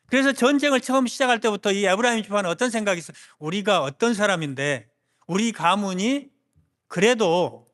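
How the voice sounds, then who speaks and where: A man's voice: sits high, a bit bright. A man, a senior pastor, preaching a sermon and asking the congregation questions. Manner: asks the congregation questions and acts out quoted complaints. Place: church sanctuary. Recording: long church hall reverb.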